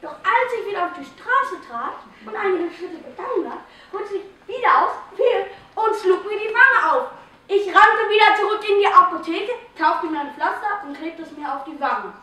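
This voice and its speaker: A woman's voice: very high voice, expressive, normal speed, sharp tone, exaggerated voice. A young woman on stage reciting a first-person tale of clumsy misfortune, voicing the quotes within it. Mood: exasperated. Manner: dramatic recitation with voiced quotes. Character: hapless woman telling of falling on ice again and again. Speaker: stage actor in a school theatre group. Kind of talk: theatrical first-person storytelling. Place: stage in a hall. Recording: echoey hall from far off.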